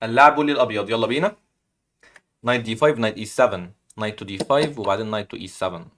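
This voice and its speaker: A young man with an Egyptian accent hosting a live chess puzzle contest, excitedly cheering the players on. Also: lowish voice, rapid-fire. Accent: Egyptian Arabic. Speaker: chess stream host.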